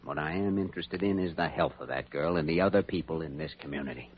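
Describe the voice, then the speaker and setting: A man's voice: a bass voice, fast talker. An actor playing an earnest, resolute male doctor with a firm manner, in classic radio drama style. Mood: stern, pressing. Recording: muffled, noisy vintage radio recording.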